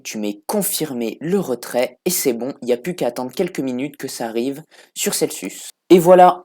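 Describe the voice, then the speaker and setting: Male tutorial host, chatty step-by-step app walkthrough, mid-pitched, relaxed. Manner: chatty, talks the viewer through each step. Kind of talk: casual screen-recorded app walkthrough.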